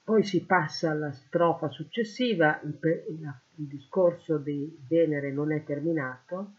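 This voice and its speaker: A man teaching a lesson, slowly translating Greek verse word by word into Italian. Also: a little high. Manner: slow, deliberate, translating word by word. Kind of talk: lecture on Greek poetry. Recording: phone-like lo-fi audio.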